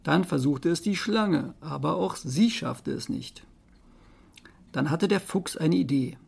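Slow, gravelly children's story reader. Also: medium pitch. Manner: slow, even reading aloud. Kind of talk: reading a children's story aloud.

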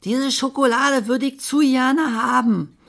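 An excitable storybook monkey, put on by the reader, shrieking high and loud and stretching every word. Underneath there is a gravelly, breathy rasp, and the lines come slowly. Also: exaggerated voice. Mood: excited. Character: excitable monkey escaped from the zoo.

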